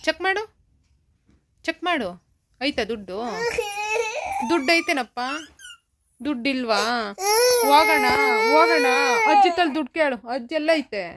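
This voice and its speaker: High-voiced woman coaxing a toddler. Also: slight background noise. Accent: Kannada. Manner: coaxing, sing-song baby talk. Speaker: vlogger parent. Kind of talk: casual talk with a toddler. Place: home.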